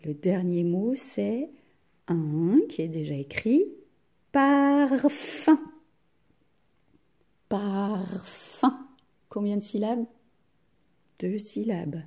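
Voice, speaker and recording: A woman teaching a spelling lesson to young children, patient and deliberate, sounding out each syllable. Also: lowish voice, animated, dark tone. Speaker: primary school teacher.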